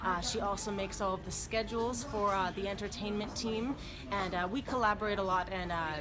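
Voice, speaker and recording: An upbeat, chatty woman answering informal interview questions as a cruise director, with loud music behind her. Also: mid-range voice, steady tone, fairly quick.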